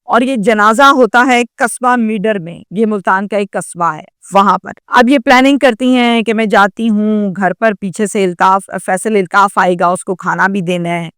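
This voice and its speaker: A woman's voice: medium pitch, hardly any pauses, a bit bright, smooth, no room sound, clean studio sound. A woman dramatically narrating a crime story and addressing viewers directly. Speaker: news storyteller.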